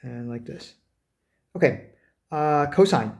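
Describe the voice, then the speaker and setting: A man's voice: fairly high pitch, animated, takes it slowly, a little mellow. Man lecturing math while drawing. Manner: talks while drawing, frequent fillers and self-corrections; rhetorical "right?" checks with students. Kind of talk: recorded lecture at a board.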